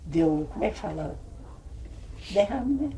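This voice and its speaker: An older woman with a Brazilian Portuguese accent, a family elder, rambles through old family stories in casual oral storytelling, re-enacting scenes with exclamations. Her medium-pitched voice is mellow, animated and unhurried. The rough recording carries slight background noise.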